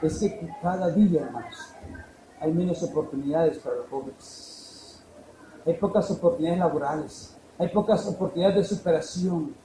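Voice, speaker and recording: A man preaching a fervent sermon, swinging from emphatic peaks down to low, quiet lines. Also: moderate pace. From El Salvador. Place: church hall. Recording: echoey church room, faint noise.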